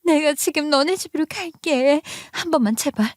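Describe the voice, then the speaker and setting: A woman's voice: high-pitched, moderate pace, no room sound, voice pushed up, natural voice. A woman voicing a spoiled, mocking younger sister-in-law in a narrated story, recorded dry and close. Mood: pleading. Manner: mocking, then pleading.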